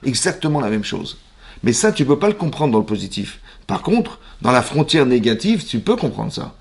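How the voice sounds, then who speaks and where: Gravelly-voiced French rabbi teaching. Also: male voice, medium pitch, moderate pace. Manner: animated, asks the audience questions, acts out little dialogues. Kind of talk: spoken Torah lesson. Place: synagogue.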